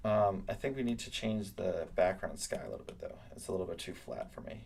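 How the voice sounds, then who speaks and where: A man's voice: sits low, animated, brisk, vocal fry, darkish tone, slight background noise. A young man teaching art, chatting loosely while he draws and answers live chat comments. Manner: rambling, with many fillers, reads out chat comments. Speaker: art teacher hosting a live drawing stream. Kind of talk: casual live-stream chat while drawing.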